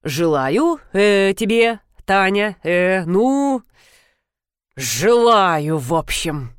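A woman's voice: mid-range voice, very animated, clean tone, no room sound, clean studio sound. A woman voicing an awkward, tongue-tied grown man fumbling for words. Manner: halting, awkward.

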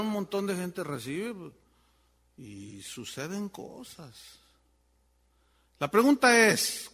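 A man preaching a sermon, telling a story and acting out the voices of the people in it. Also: long reverb tail. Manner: animated storyteller acting out voices, wide swings in pitch and volume. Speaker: pastor.

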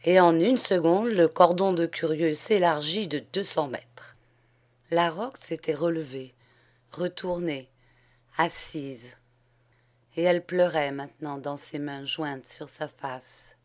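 A woman narrates a classic short story as an audiobook in a measured, expressive reading voice. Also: low voice. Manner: measured and expressive, slowing for dramatic moments. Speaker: audiobook reader.

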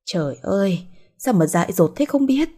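A woman's voice: mid-range voice, very animated, moderate pace, warm tone, slightly rough. A woman voicing a worried middle-aged father who soothes and pleads.

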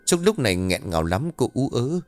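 Expressive male ghost story narrator. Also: medium pitch, fairly quick, no echo, faint music behind.

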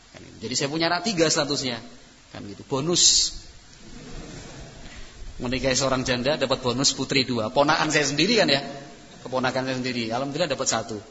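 A young adult man preaching a sermon, swinging between loud emphatic stresses and soft, chatty asides. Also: medium pitch, a little hiss or hum. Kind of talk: Islamic sermon. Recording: dull, lo-fi audio with long hall reverb.

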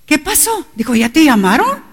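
Middle-aged woman preacher, impassioned and high-pitched, with a long hall echo. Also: very animated, moderate pace. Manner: impassioned, rising to cries at times. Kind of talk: bilingual sermon. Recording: long reverb in a large hall.

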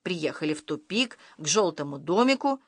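A woman narrating a children's audiobook in an expressive, animated way. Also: low voice, normal speed, husky, dry recording, studio quality. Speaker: audiobook reader. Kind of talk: scripted storybook narration.

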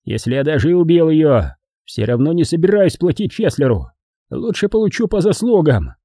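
Brief: reader as a hopeless, guilt-ridden man in an audiobook, slow and heavy, a bit higher than the narrator. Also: sing-song, dark tone, no echo, clean studio sound. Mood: grim. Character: despairing guilt-ridden man, weary and drawn out. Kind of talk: audiobook character voice.

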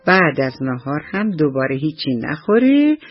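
A woman's voice: sits low, husky, soft background music. A woman storyteller narrating a children's bedtime story on the radio, speaking directly to the kids. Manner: warm, expressive storytelling addressed to children. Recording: dull lo-fi radio recording.

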